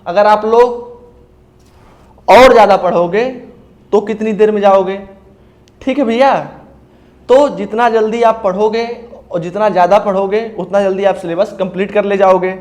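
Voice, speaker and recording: A man from India, an exam preparation coach, gives aspirants casual spoken advice step by step, often checking in with listeners and saying "ठीक है भैया". His voice is high, steady in tone and a little mellow. He talks at normal speed and pauses often.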